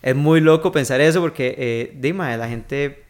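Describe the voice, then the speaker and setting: A man with a Costa Rican accent, a podcast guest talking in a relaxed, reflective way with local slang. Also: medium pitch, normal speed. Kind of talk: casual chat.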